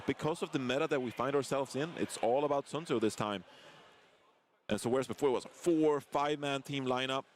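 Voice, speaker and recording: A man's voice: medium pitch, a little fast, slight background noise. A man casting a professional esports match, giving analytical play-by-play and joking with his co-caster. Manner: energetic, analytical play-by-play with banter. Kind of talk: esports commentary.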